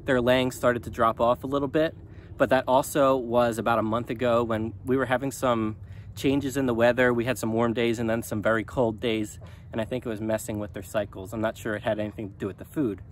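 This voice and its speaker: A man in his thirties talking casually to a handheld phone outdoors in his chicken run, relaxed and rambling with many ums. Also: medium pitch, a little fast, slight background noise. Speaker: small farm vlogger. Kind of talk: casual vlog talk to camera. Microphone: phone at arm's length.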